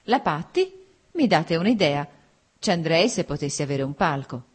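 A proud, defiant young noblewoman of high society, as a woman reader puts her on, her husky voice lifted higher than the narration. She speaks with heated insistence and defends herself point by point, in an audiobook reading. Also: animated, normal speed. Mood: lively.

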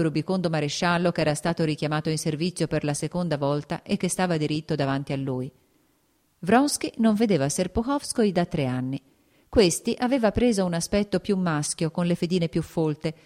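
A woman reading a classic novel aloud as an audiobook narrator, in a steady, even storytelling manner. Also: on the low side. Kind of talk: scripted literary narration.

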